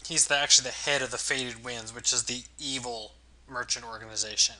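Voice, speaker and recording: A man with a very bright, sharp voice and average pitch hosts a let's play. His commentary is casual and wry, delivered with amused understatement. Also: steady tone, brisk, rough recording. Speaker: gaming video host.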